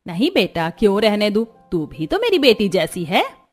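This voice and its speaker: A woman's voice: mid-range voice, sing-song, moderate pace, slightly rough, soft background music. A woman voicing a kind, caring middle-aged mother-in-law who speaks soothingly but firmly. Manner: soothing, gently firm. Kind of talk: cartoon story voice acting.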